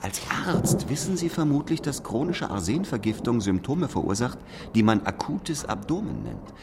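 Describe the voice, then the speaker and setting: An actor playing Sherlock Holmes in a German radio play, a smug, coolly merciless detective who lectures and needles in a deliberate, superior way. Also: male voice, mid-range voice, big pitch swings, very noisy. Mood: coolly accusing.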